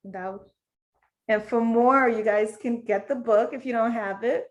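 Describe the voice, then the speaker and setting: A woman from Zambia, a children's book author, reading her story aloud and then talking about it on a video call in a relaxed, conversational way. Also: a little high, measured pace, dull audio. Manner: relaxed, conversational, many fillers. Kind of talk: reading aloud and interview answers.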